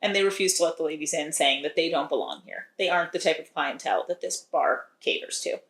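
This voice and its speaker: A woman's voice: sits low, fast, reverberant. A woman co-hosting a podcast, recapping a romance novel in a chatty, wry way and laughing often. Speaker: podcast co-host recapping a book. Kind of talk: casual chat.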